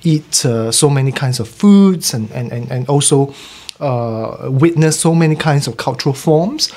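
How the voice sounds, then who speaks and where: A Singaporean man in his forties, an arts curator, answering interview questions in a hesitant, reflective way with many pauses. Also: mid-range voice, darkish tone. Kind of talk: radio interview. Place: radio studio.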